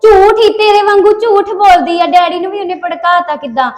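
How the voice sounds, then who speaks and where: A young woman playing a sharp-tongued, quarrelsome sister-in-law, in a family web drama. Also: very high-pitched, fairly even intonation, fairly quick. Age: young adult. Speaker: unmarried daughter of the house.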